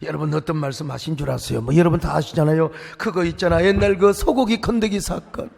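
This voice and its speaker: A man's voice: fairly high pitch, fast talker, gravelly, a little mellow. A male pastor preaching a sermon, telling stories with emotion and breaking into song now and then. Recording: echoey church hall, faint music.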